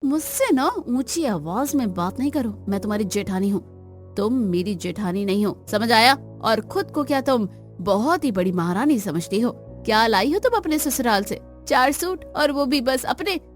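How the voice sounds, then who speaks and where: A woman voicing a scheming, sharp-tongued elder sister-in-law in a cartoon, haughty and taunting. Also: on the high side, natural voice. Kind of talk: Hindi cartoon voice acting.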